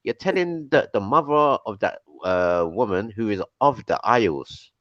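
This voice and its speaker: A man questioning in a heated, casual debate, halting and stammering, repeating words as he pushes back. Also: fairly low pitch, animated, fairly bright tone, no room sound. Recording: dull lo-fi sound.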